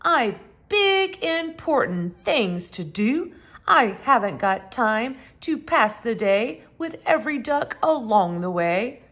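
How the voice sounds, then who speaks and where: A big, important dump truck from a storybook, acted by a woman. He declaims slowly in a high, expressive voice with a self-important manner. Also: exaggerated voice. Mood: impatient, self-important.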